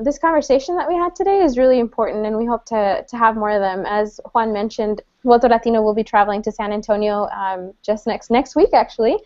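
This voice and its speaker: This slightly high, darkish voice belongs to a woman in her thirties from El Salvador who is hosting an online panel. She's warm and conversational, full of fillers and false starts. There's no room sound, and the audio is dull, dry and lo-fi.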